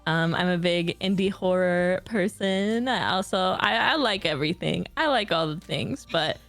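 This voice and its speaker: A woman's voice: fairly low pitch, expressive, moderate pace, fairly bright tone. A woman chatting casually as a guest VTuber on a livestream, informal, giggly and self-deprecating. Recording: music behind the voice. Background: music.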